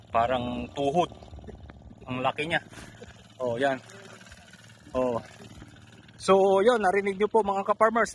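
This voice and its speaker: A winded man narrates a promo tour of an onion field outdoors, his voice a touch high. He talks excitedly to viewers about the crop. A faint outdoor hum sits behind him. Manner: excited, keeps pointing out crop size. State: out of breath. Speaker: fertilizer promoter.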